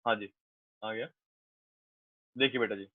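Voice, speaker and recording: With a lowish voice, a steady tone, and a measured pace, a male commerce teacher lectures his class. He coaxes and reassures, addresses students as "beta," and repeats points often, all in a dry, tinny phone-like recording with no room sound.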